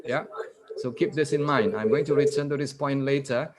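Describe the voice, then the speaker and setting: A man lecturing to a webinar audience over a video call, in a middle-pitched voice. He keeps turning to his listeners with questions. He reads key statements out slowly and repeats them. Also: over a noisy crowd. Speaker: guest lecturer. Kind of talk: interactive online lecture.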